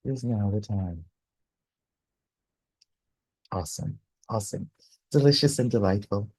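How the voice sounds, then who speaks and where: Slow, effusive American-born woman host. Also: very deep voice, warm tone, husky, dry recording. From United States. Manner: effusive, laughing, slow and drawn-out. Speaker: workshop host. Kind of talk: closing thanks at a live workshop.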